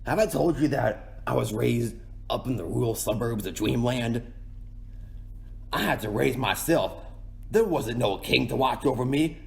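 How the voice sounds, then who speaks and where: A man voices a self-pitying, boastful cartoon penguin king in a folksy, rambling ASMR roleplay monologue. His gravelly, creaky mid-range voice moves at a measured pace, sounding boastful and aggrieved.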